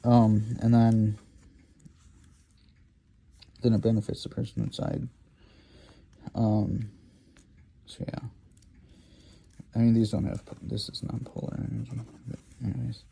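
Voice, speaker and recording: A man's voice: fairly low pitch, flat delivery, takes it slowly, gravelly, long pauses, mellow, a little hiss or hum. A man giving a rambling, informal lecture while drawing, hesitant with many ums and restarts. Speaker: lecture host.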